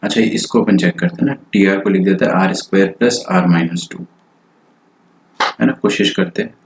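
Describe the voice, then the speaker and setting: A maths teacher with an Indian accent and a somewhat low voice works through a problem out loud during a live online lecture. He mixes English phrases into his explanations and keeps checking in with his students through short tag questions, close to his mic. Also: moderate pace, gravelly, a little hiss or hum, poor audio. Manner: thinks aloud while solving, mixes in English phrases.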